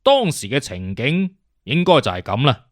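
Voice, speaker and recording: In an audiobook, a man with a Cantonese accent plays a witty, conceited detective consultant, confidently working through deductions. His mid-range voice is very animated yet close to everyday speech, at a normal pace, and his manner is emphatic, lecturing, and self-assured. The recording is dry and studio-clean.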